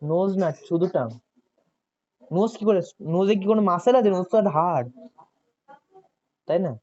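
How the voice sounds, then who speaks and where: An online coaching tutor with a warm, mid-range voice chats through the lesson at a moderate pace. Questions go out to students regularly, along with checks that they're keeping up and a recurring "ঠিক আছে," over dull lo-fi audio.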